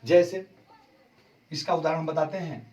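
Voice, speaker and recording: A man teaching a Hindi grammar lesson for exam preparation, explaining slowly and stretching out key terms. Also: on the high side, darkish tone, recorded from a distance.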